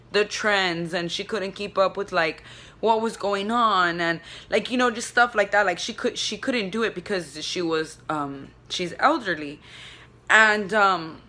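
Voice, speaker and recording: A woman's voice: mid-range voice, pushed and bright. A young woman vlogging from her bed into her phone, chatting in a rambling, profane way full of "like". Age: young adult. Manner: rambling, profane, filler-heavy with constant "like". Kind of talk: casual confessional chat. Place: in bed at home. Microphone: phone camera.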